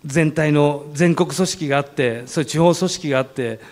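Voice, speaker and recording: A man who founded a funeral company, telling a story about his business in a lively way, often laughing and acting out the voices of others. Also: on the high side, normal speed. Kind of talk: animated storytelling talk.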